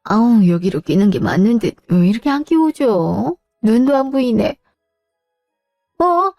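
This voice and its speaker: A woman's voice: fairly high pitch, sing-song, unhurried, dark tone, no echo, clean studio sound, faint music behind. A hurt retired mother in her sixties. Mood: fretful. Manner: sighing, muttering complaints to herself. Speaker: mother in a radio drama.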